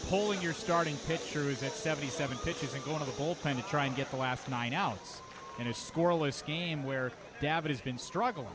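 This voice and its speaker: A man with a brisk, higher-than-average voice serves as the play-by-play announcer for a live baseball radio broadcast, describing the action in detail. Behind him is clear outdoor ballpark ambience.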